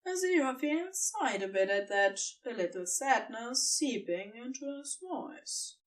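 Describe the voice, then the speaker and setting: This fiction narrator is female, with a fairly high and highly melodic voice and an expressive, storybook-style delivery. Her pace is a little slow, and the recording sounds distant, as if she sits a bit back from the microphone.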